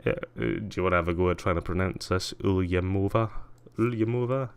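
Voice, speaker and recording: A man's voice: low-pitched, little pitch movement, very fast, gravelly, a bit bright, clear, resonant tone. A young man chatting casually and self-mockingly while he plays a game on stream, muttering to himself and to chat. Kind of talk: casual gameplay commentary.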